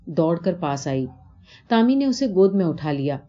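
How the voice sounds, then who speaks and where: Mellow, low-voiced woman storyteller. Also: very animated, dull audio. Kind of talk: scripted story narration.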